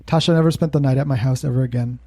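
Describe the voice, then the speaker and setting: A man's voice: medium pitch, fairly even intonation, racing, warm tone, no room sound. A male podcast co-host telling a spooky story in casual chat, laughing now and then. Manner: laughs while telling a creepy tale.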